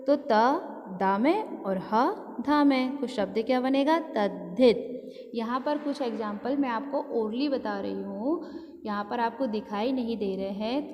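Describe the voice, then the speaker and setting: A woman's voice: on the high side, a little mellow. A woman teacher giving a grammar lesson, asking questions and answering them herself, stretching out syllables as she spells words. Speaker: school teacher. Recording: echoey room with long reverb, faint noise.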